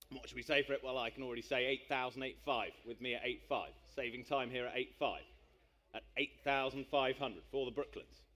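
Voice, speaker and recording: A man working as an auctioneer, calling bids live in a brisk patter of repeated numbers. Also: a little high, a bit bright.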